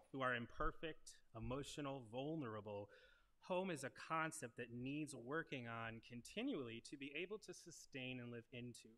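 Standing at the lectern of a wood-paneled sanctuary, a young man preaches earnestly and conversationally through a headset mic, leaning on rhetorical questions. His voice is of medium pitch, pushed and bright, and it rings with long church reverb.

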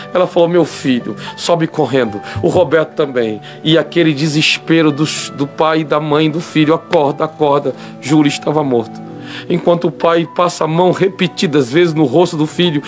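A man preaches through a dramatic story and comes back again and again to a grim refrain. His voice sits a little high. A soft instrument plays faintly behind him. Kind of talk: sermon storytelling.

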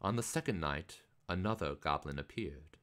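A man reading a picture book aloud live, in an expressive, theatrical way. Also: low-pitched, moderate pace. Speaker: reader.

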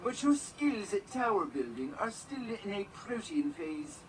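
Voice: medium pitch, sing-song, measured pace, very noisy. A game actor voicing an aloof robotic alien that greets players, formal and condescending, through a robotic voice filter. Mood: haughty. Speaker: game character. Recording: distant game audio with loud music.

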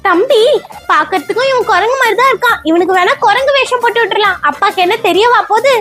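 A woman voicing a cheeky, lazy little girl in a cartoon comedy dub, talking in a high, whiny childlike way. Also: quick pace. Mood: scheming. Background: background music.

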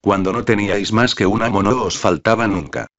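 An impatient, haughty nobleman speaks with scorn, as a man reading the story puts him on. His voice is very low and deep. The recording sounds dull and lo-fi. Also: a little fast, a bit bright. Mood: scornful.

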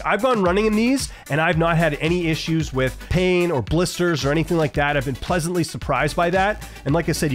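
A man in his thirties giving a casual shoe review from a home studio, talking into a boom-mounted studio mic with plenty of ums and uhs. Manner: chatty, frequent ums and uhs, shows items to camera. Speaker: vlogger reviewing shoes. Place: home studio room with posters. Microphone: large studio mic on boom arm.

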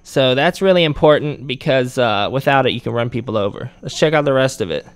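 A channel host runs a hands-on repair tutorial in his workshop, chatting casually as his hands stay busy. His medium-pitched voice is expressive and brisk, with a clean tone.

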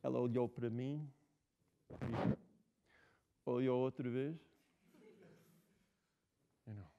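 A man's voice: medium pitch, steady tone, slow, vocal fry, clean tone, highs cut off. A man in his sixties with an American English accent, speaking Portuguese as a second language, telling stories in an interview with many restarts and fillers. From United States. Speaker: writer being interviewed. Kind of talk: casual interview talk.

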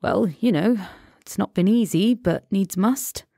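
A woman's voice: mid-range voice, expressive, unhurried, creaky, dark tone, no room sound, studio quality, pitched above the performer's own voice. A woman voicing a tense, anxious man who speaks in clipped, urgent lines. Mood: weary. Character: tense, anxious man on a stormy dock at night.

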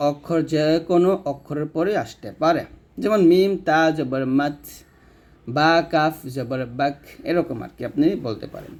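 Guy teaching letter sounds, slightly high voice, says each syllable slow and repeats it. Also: a little mellow. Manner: slow, deliberate drill of letter sounds with repetition; invites viewers to repeat after him. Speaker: Quran recitation teacher. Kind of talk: tutorial lesson.

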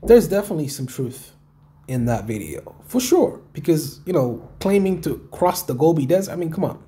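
A man's voice: a little high, very animated, normal speed, mellow. A man casually talking through viewer comments as a video creator, rambling and repeating himself with some swearing. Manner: rambling, repetitive, often swearing. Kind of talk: casual talk, reading and answering comments.

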